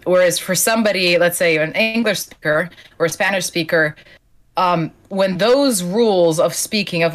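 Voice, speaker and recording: A native Slovenian woman with a fairly low, somewhat bright voice chats casually as a podcast guest over a video call, poking fun at herself.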